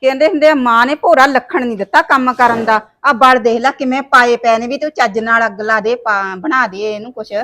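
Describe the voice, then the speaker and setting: A woman acting out a bossy middle-aged mother-in-law who scolds without pause. Her voice sits high and sounds bright and forceful. She nags in a sharp, cutting way. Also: fairly even intonation. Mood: scolding. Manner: scolding, nagging, sharp-tongued. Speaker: mother-in-law in a family short film. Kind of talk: amateur family drama acting.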